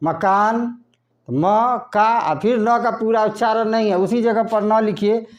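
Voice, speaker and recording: A man teaching a lesson in a slow classroom style, asking questions and then answering them himself. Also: high voice, highs cut off. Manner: asks questions and answers them himself, repeating words slowly.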